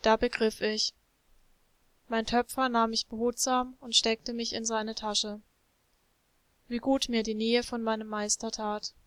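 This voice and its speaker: Smooth-voiced woman telling a story. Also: fairly high pitch, unhurried, pauses often, no echo. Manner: expressive, emotional reading. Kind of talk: first-person story narration.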